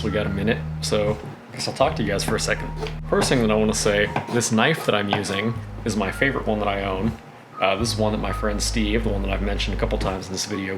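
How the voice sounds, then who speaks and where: A man with a fairly low voice hosts a casual home cooking vlog. He rambles through each step in a laid-back, unpolished way, swearing freely. Guitar music plays clearly behind his talk. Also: steady tone, quick pace. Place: home kitchen.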